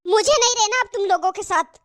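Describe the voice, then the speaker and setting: A woman's voice: extremely high pitch, a little fast, fairly bright tone. A woman voicing a defiant young daughter-in-law. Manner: sulky, defiant. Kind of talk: cartoon voice acting.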